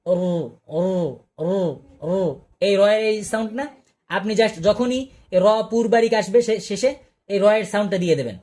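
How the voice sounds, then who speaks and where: A man's voice: sits high, normal speed, a little mellow. Man, Quran recitation teacher, online class, patient, repeats sounds, asks the class questions, video call audio.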